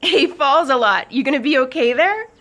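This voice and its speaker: A woman reading aloud voices a bold, fearless girl who talks loudly and bubbly and never keeps her voice down. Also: medium pitch, fairly quick. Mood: teasing. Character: bold, loud tomboyish girl who loves danger.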